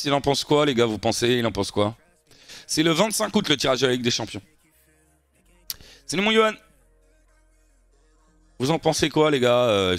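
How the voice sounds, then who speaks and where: A young man talks to his live-stream audience in a loose, animated way, his voice sitting at an ordinary middle pitch. The sound is dry and close, with faint music running underneath. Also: no echo. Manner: animated, keeps addressing his viewers as guys. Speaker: streamer reacting to football news. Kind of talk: casual live-stream chat.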